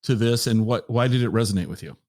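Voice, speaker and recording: Halting male interviewer. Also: fairly low pitch, darkish tone. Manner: halting, restarts questions. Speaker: interviewer, host. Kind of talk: casual interview questions.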